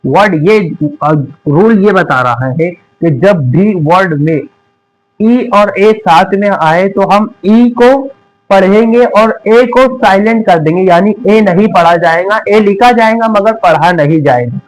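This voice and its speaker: Man, Hindi accent, young adult, teacher, slow drawn-out delivery, repeats questions. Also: sits high, low-quality recording. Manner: slow, repeats each word as a question and answer. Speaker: English teacher. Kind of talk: spoken classroom lesson with repeated questions.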